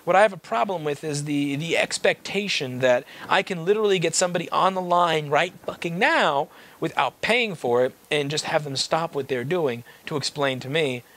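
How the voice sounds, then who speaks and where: In a fairly high, slightly bright voice at a normal pace, a repair shop owner films a blunt, unscripted rant for viewers. He sounds exasperated, swears occasionally, and hammers home his points by saying the same phrases again.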